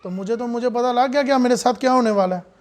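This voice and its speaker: In this sermon, a man shifts between whispered asides and booming, emotional lines studded with rhetorical questions. His voice is very high.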